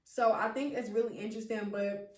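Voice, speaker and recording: A young adult woman hosting a podcast, chatting in a relaxed, reflective way. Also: mid-range voice, a little fast. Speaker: podcast host. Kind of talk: casual chat. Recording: roomy sound from a distant mic.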